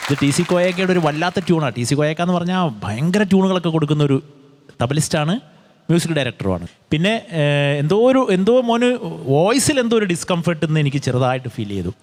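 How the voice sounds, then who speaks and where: A man's voice: fairly high pitch, a little hiss or hum. A man judging a child singer on a TV talent show, jovial and brotherly, joking to cheer him up. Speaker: judge. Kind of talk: judge's critique on a TV talent show.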